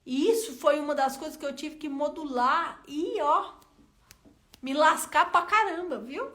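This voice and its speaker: Brazilian lady telling a story in her self-help vlog, super high voice, colloquial, lots of "gente"-style asides to viewers. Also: unhurried. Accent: Brazilian Portuguese. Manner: expressive, colloquial storyteller addressing viewers directly. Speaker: self-help content creator. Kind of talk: motivational talk with personal story.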